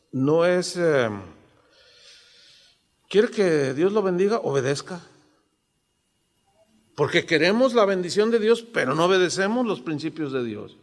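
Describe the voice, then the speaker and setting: A man, preaching a sermon as a pastor in an animated way, often acting out the voices he quotes. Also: on the high side, gravelly. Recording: long hall reverb.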